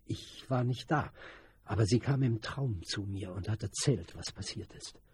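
An urgent, commanding boy who leads a street gang, read by a man. The voice is husky and dark. It is recorded close and dry. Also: on the low side, measured pace, no room sound. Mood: furious.

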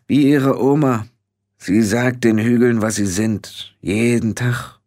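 Ein Mann spricht einen kleinen, grüblerischen Clanchef, der grummelt und poltert. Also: male voice, mid-range voice, takes it slowly, a little mellow, no echo, studio quality, voice pushed up, lightly acted. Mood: brooding. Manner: grumbling and blustering. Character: gruff, brooding little fairy-clan chief man.

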